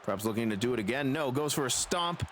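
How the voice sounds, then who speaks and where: A man doing dramatic, excited pro wrestling play-by-play in the manner of a ringside announcer. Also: medium pitch, fast talker, a little hiss or hum. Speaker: streamer and wrestling commentator.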